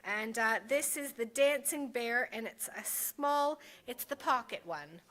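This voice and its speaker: A woman's voice: on the high side, expressive, measured pace, a bit bright. A woman auctioneer running a live art auction, calling and repeating bids and asking prices in set formulas.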